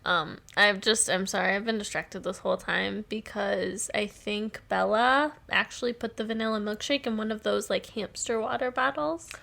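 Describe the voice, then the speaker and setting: A woman's voice: medium pitch, moderate pace, gravelly, few pauses, bright, forceful tone. A woman co-hosting a podcast, rambling and giggling through a casual chat about a TV episode. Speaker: podcast co-host.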